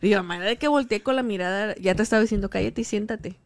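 A woman, co-hosting a podcast in a lively, playful way. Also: mid-range voice, quick pace, very noisy. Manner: lively, playful, laughs often. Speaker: podcast co-host. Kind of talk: casual chat.

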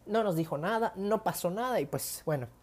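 A woman's voice: mid-range voice, a little fast. A young woman with a Mexican Spanish accent, casually telling stories to her viewers in a chatty, slang-heavy way. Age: young adult. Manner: chatty, slangy, animated retelling with whispered asides. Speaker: vlogger. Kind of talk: casual storytelling to camera.

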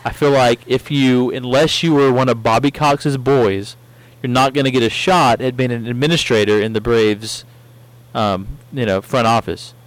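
A man's voice: medium pitch, steady tone, normal speed, low-quality recording. A man co-hosting a podcast, rambling with opinions in a casual chat. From near Atlanta, US. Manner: rambling, many fillers, opinionated. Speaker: podcast co-host.

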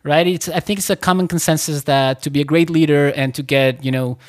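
Man, podcast host, fairly high voice, friendly, easygoing, loose phrasing. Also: steady tone, fairly quick. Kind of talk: casual podcast interview.

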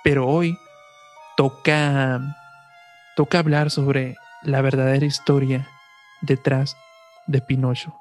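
A podcast host with a Mexican accent chats casually and reads aloud, correcting himself as he goes. His voice sits at medium pitch with little movement, and he speaks slowly with frequent pauses. Music plays behind him.

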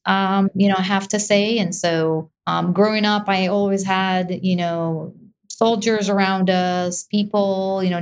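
A young woman speaks as a guest on an interview show. Her voice sits fairly low, and she talks casually, with many fillers and self-corrections. She joins over a video call. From Israel. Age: young adult. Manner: many fillers and restarts, varied pace. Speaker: real estate investor and guest.

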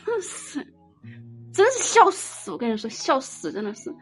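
A woman giving an informal dharma talk as a Buddhist teacher, blunt and teasing, telling lively stories. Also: high-pitched, moderate pace, faint music behind. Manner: blunt, teasing, animated storytelling.

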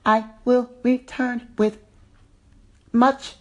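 A woman voicing a female robot from a faraway planet who speaks in a measured, deliberate tone. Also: on the high side, flat delivery. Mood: secretive.

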